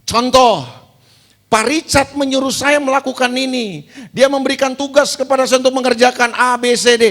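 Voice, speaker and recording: A male pastor delivers a sermon in a very high, bright, forceful voice. He asks his listeners question after question, answers them himself and hammers key words home through repetition. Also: moderate pace. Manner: repeats key words with emphasis.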